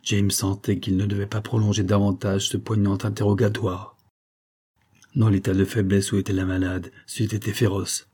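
Audiobook narrator, male, dark and husky, steady measured reading. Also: on the low side. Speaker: audiobook reader. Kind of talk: scripted narration.

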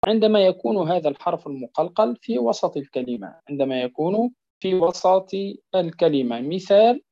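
Man teaching recitation slowly and repetitively. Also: high voice, expressive, dark tone. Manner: repeats each point and asks "clear?"; drills words slowly, stretching them out. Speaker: tajweed teacher. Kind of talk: recorded Quran recitation lesson. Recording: dull lo-fi recording.

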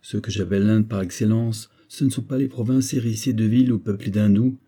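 A boisterous, hunting-mad army captain from an audiobook novel, as a man reads him out. He bursts out his lines, higher and louder than the narration. The voice stays dark and husky underneath. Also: fairly even intonation, fairly quick. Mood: exuberant.

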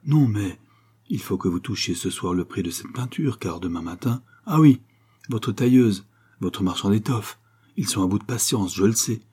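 A man voicing a vain, sharp middle-aged stepmother in a storybook reading, talking coldly and reproachfully. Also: fairly low pitch, animated, moderate pace, slightly rough. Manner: cold, reproachful.

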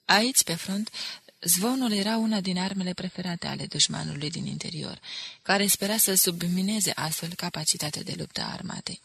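Narrator: woman, bright and gravelly, dry close sound, measured audiobook reading. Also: on the low side, no echo. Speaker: audiobook reader. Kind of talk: scripted narration.

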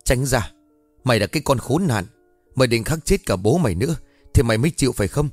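A man's voice: medium pitch, animated, no room sound, soft background music, lightly acted. A man doing a furious cursing stepmother. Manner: fast, scolding and abusive.

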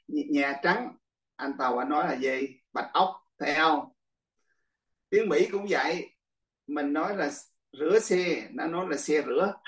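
An older man, a monk, teaching a class in casual, chatty talk, often laughing and speaking straight to his students. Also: high voice. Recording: echoey room, far from the mic.

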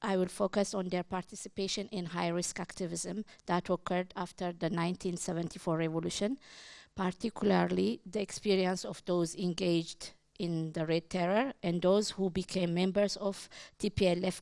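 A middle-aged woman from Ethiopia presents her research at a conference, pausing often with fillers and restarting her phrases. Her voice has a gravelly fry at the edges. The sound is dry and close. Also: on the low side, fairly even intonation, darkish tone, no echo. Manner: hesitant, many fillers and restarts. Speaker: conference speaker, independent researcher.

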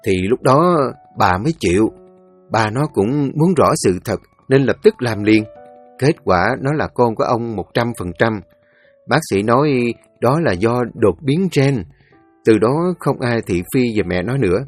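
A man narrating a folk story in a lively, colloquial, animated way. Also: mid-range voice, unhurried, faint music behind.

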